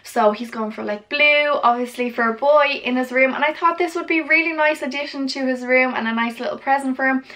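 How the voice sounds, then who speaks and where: A woman's voice: high voice, brisk, hardly any pauses, pushed and bright. A young woman chatting to viewers in a chirpy haul video style, with gushing, girly enthusiasm. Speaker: vlogger presenting a shopping haul.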